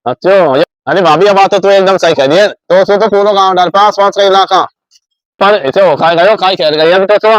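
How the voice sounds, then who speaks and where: Man, rajasthani accent, loud brother-in-law, fairly high voice, dry. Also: steady tone, fairly quick, dry recording, muffled recording. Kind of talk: village comedy sketch.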